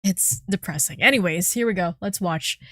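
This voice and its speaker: A woman's voice: fairly low pitch, normal speed, pushed and bright, dry recording. A woman gaming streamer giving a casual live reaction, with an effusive, exclamatory fangirl manner.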